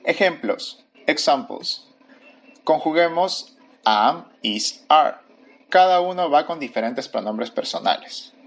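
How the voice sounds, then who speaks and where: A man teaching a recorded grammar lesson, speaking slowly and deliberately and repeating each form. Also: on the high side, animated, creaky. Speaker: English teacher.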